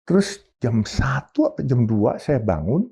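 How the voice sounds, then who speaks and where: Gravelly, dark-voiced businessman telling a story. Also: medium pitch, unhurried. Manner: animated, emphatic, mixes in English phrases. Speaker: businessman guest. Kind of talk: interview storytelling.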